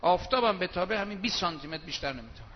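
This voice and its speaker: A man preaching a sermon from the pulpit, reciting verse slowly and then talking fast and colloquially, moving between soft asides and loud emphatic bursts. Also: high-pitched, sing-song, slight background noise. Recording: dull reverberant hall recording.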